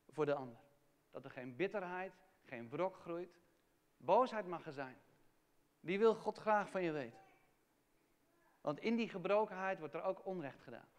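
A man preaching a sermon in a church, talking earnestly and candidly about his own life, often restarting his phrases. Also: sits high. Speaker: pastor. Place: church hall. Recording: long reverb of a church hall.

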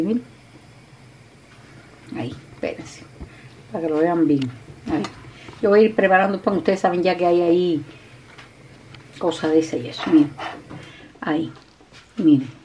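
A woman with a Cuban Spanish accent, chatting warmly to her viewers while cooking in her home kitchen, calling them "mi gente". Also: fairly low pitch, slight background noise. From Cuba. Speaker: cooking vlogger. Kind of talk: casual cooking vlog talk to viewers. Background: dishes, pots and pans clattering.

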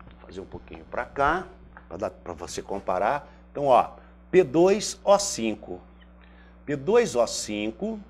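A Brazilian man teaching chemistry in a chatty classroom lecture. He asks himself questions by name and repeats each step aloud. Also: a little high. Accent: Brazilian Portuguese. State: throat briefly irritated.

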